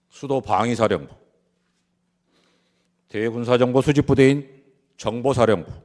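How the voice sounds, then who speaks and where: Male, medium pitch. Lawyer reading a formal closing statement, grave, measured and emphatic. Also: a little mellow. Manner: solemn, deliberate, emphatic phrasing in short segments. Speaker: lawyer delivering a closing argument. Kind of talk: formal prepared courtroom speech.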